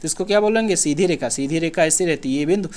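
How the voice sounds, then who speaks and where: A man's voice: fairly high pitch, quick pace, darkish tone. A man teaching an exam-prep lesson in a casual way, asking questions and answering them himself. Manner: casual, repeats himself, asks and answers his own questions.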